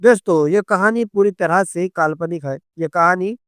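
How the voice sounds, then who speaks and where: Man narrating a story, high smooth voice, dry close sound. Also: moderate pace, fairly bright tone, dry recording. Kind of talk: scripted first-person story narration.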